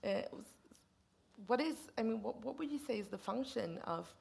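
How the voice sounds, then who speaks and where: A woman's voice: fairly high pitch, lively intonation, normal speed, gravelly, darkish tone, slightly rough. A woman interviewing a poet, asking careful questions with hesitant phrasing and many fillers. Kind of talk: conversational interview.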